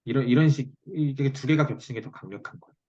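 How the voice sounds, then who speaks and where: A man's voice: medium pitch, quick pace, a little mellow. A man explaining a lesson as a teacher on a video call, often checking that the listener follows. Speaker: fortune-telling teacher giving a lesson. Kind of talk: explanatory one-on-one online lesson. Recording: dull lo-fi video call audio.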